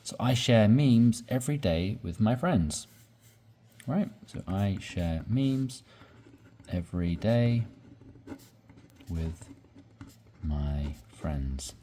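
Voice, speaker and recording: A man teaching English, slowly explaining sentence patterns and repeating examples with patience. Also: fairly low pitch, animated, dark tone, a little hiss or hum. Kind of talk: slow explanatory lesson.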